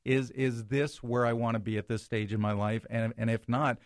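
A man's voice: mid-range voice, flat delivery, moderate pace, dry recording, studio quality. An older man co-hosting a radio talk show, rambling and repeating words as he starts. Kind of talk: casual radio chat.

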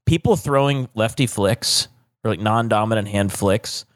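A man's voice: on the low side, normal speed, dry recording, studio quality. A man co-hosting a casual podcast, giving blunt, profane hot takes with plenty of swearing. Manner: blunt, profane trash talk. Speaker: podcast co-host. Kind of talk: casual chat.

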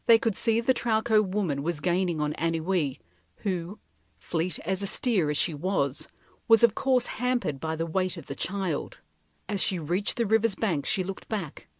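A woman reading a novel aloud in measured, steady storytelling narration. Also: on the low side, no echo, clean studio sound. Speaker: audiobook reader.

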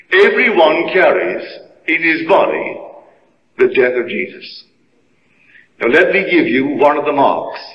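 A man giving a sermon-like religious lecture, speaking deliberately and emphatically in short, weighty phrases. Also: fairly high pitch, a little hiss or hum. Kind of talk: sermon-like lecture to a live gathering. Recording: muffled old recording in echoey hall.

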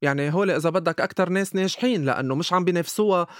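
A man's voice: sits high, dry recording, studio quality. A man with a Lebanese Arabic accent speaking casually as an interview guest, often stumbling into his words and repeating them. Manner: halting stammered starts, repeating words.

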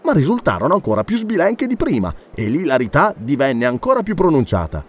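A man reading a classic novel aloud as an audiobook narrator, with an expressive, theatrical delivery. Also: fairly high pitch, fairly quick. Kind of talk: scripted narration.

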